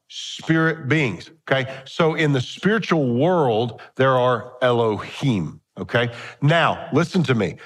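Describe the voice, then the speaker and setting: A male pastor with a somewhat higher-pitched voice delivers a sermon. He reads scripture in old-fashioned phrasing and then retells it in plain, casual words. He talks straight to his congregation and often checks in with a quick "okay?". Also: a bit bright.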